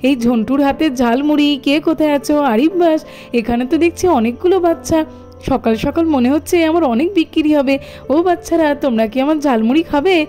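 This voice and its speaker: A woman's voice: high voice, fast talker, warm tone, soft background music, natural voice. A woman voicing a cheerful, pushy street snack-seller man in a doll cartoon, calling out his wares in a sing-song hawker style. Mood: hawking.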